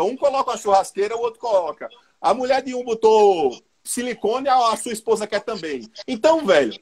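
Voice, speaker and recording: Brazilian man, sales trainer, fairly high and husky voice, chatty and direct with his listeners. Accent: Brazilian Portuguese. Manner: colloquial, lively, addresses the audience directly. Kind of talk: live online sales talk.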